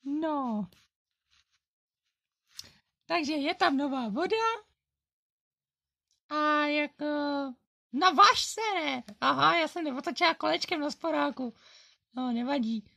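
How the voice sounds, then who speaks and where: A woman's voice: high voice, vocal fry, pauses often, sharp tone, exaggerated voice. A young female performer voicing a flustered female unicorn pony in a home-made toy play, babbling to herself as she fumbles through chores. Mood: muddled. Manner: scattered, babbling, self-talking.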